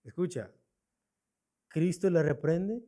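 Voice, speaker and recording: A man's voice: fairly high pitch, lively intonation, slow pace, dark tone. A man preaching a sermon in a church, asking his congregation rhetorical questions and repeating his key points. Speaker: pastor.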